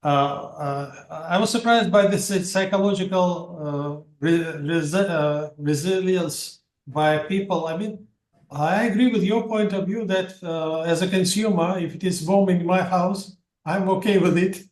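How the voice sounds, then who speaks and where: A man from Azerbaijan answering as a webinar panelist over a video call, talking haltingly with many uhs and broken-off words. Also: high voice, darkish tone. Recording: echoey room on a video call.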